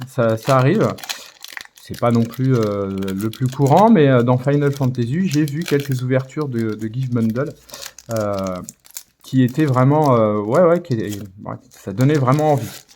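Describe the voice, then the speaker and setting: A man casually commenting as he opens trading card packs, hesitating often with filler sounds and restarts and reading card names out slowly. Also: mid-range voice, a little mellow, slight background noise. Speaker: card-opening video host.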